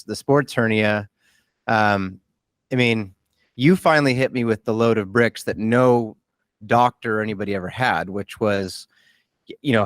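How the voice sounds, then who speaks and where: A man's voice: fairly low pitch, no room sound. A man in his thirties hosting a casual interview, talking candidly and self-deprecatingly about his own injury, with frequent restarts. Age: 30s. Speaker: podcast host and athlete.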